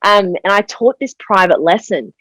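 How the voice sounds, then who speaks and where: A woman's voice: mid-range voice, expressive, moderate pace, fairly bright tone, no echo, rough recording. A young woman, a guest telling her story in a casual interview, chatty and full of 'like'. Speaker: podcast guest.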